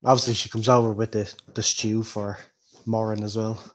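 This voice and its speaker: A man's voice: lowish voice, level tone, normal speed. A man running a tabletop game as game master, narrating casually with frequent laughs and swearing.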